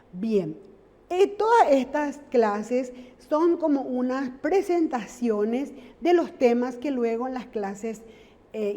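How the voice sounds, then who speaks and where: A woman's voice: sits high, a little mellow, big-room sound. A woman from Latin America teaching a recorded grammar lesson, explaining patiently step by step and checking in with her students.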